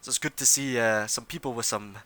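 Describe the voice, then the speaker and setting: A man's voice: mid-range voice, fairly quick, bright, forceful tone, close to an everyday voice. A man voicing an eager, self-important young nobleman who talks in a chatty, showy, fawning way. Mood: smug chatty.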